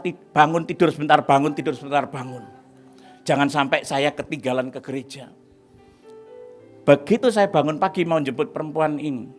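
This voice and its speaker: Dramatic man preaching. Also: on the high side. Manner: dramatic, swings from hushed to shouting. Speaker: pastor giving a testimony. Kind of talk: testimony sermon. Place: church service.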